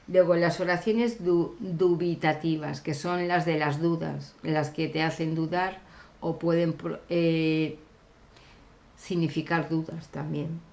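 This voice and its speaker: A woman teacher explaining grammar slowly and deliberately, pausing often with fillers. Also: low voice, steady tone, darkish tone, reverberant. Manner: deliberate, hesitant with frequent fillers. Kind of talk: slow classroom grammar explanation.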